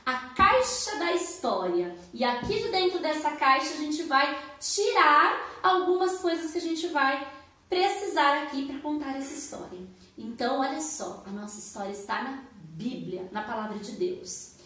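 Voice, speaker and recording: A woman's voice: sits high, expressive, moderate pace, pushed and bright. A woman who teaches at a children's church service. She tells a Bible story in a sing-song, coaxing way and keeps asking the children questions. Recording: very echoey room.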